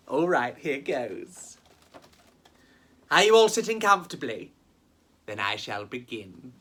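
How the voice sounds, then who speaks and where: With a lowish, bright and forceful voice, a woman hosts theatrical rhyming storytelling for children. She's dramatic and playful, speaking directly to her audience.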